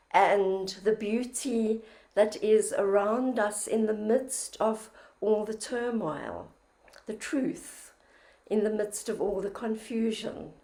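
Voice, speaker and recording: An older woman meditation teacher speaks slowly, in a gentle and heartfelt way. Her mid-pitched voice is a little croaky from flu as she gives a measured, reflective talk.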